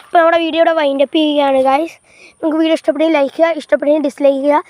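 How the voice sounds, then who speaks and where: With a high-pitched, somewhat dark voice and little pitch movement, a vlogger talks haltingly through a casual walking tour, repeating herself and saying "guys" a lot. She's cycling outdoors by rural fields and a canal, filming on an old phone camera with no room sound.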